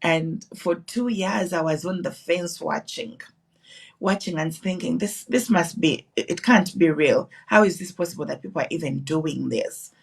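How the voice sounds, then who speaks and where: A woman's voice: on the low side, normal speed, gravelly, slightly rough. Earnest woman from Uganda, a bit distant. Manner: earnest, with restarts and repeats. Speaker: guest, nurse and business owner. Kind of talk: telling her story in an interview. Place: online live broadcast.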